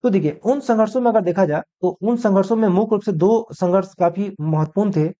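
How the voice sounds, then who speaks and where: A man's voice: high voice, a little fast, dark tone, dull audio. A male teacher giving an exam-prep history lecture, asking questions and answering them himself, dropping English words into his Hindi.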